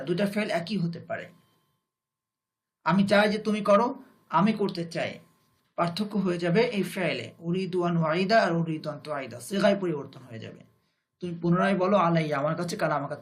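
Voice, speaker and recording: A man with a Bangladeshi Bengali accent teaching Arabic grammar in a recorded lesson, speaking slowly and deliberately and repeating each phrase before translating it. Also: high voice.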